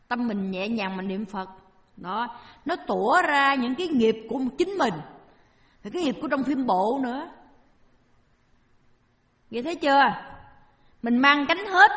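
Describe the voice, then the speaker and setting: Her voice is fairly high and slightly bright as she delivers a Buddhist dharma talk, raising questions and then answering them with simple, homely examples from daily life. A long hall reverb colors the sound.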